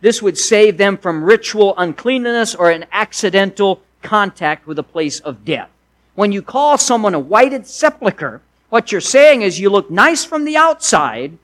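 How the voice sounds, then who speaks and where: A man's voice: sits high, a bit bright. A man preaching a sermon, teaching in a conversational way with restarts and asides.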